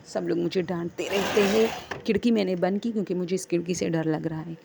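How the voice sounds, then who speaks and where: A woman casually telling true horror stories, hesitant with many fillers and pauses. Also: fairly low pitch, fairly even intonation, vocal fry, noisy background. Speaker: storyteller. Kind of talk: casual spoken storytelling.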